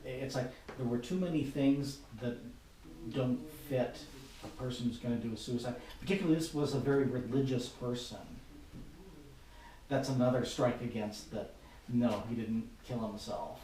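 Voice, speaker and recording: Guy ghost hunter explaining stuff to his group, soft mellow voice, really echoey room, a bit of hiss. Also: mid-range voice, normal speed. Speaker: paranormal investigator. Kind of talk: casual group discussion. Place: reverberant room indoors. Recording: echoey room, distant mic, faint hiss.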